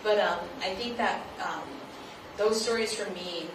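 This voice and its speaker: A woman author with a mid-range voice answers audience questions unscripted at a book talk, sounding thoughtful and halting and hedging with frequent "like." She's picked up from afar at a live event venue, so the recording is distant, very echoey and noisy.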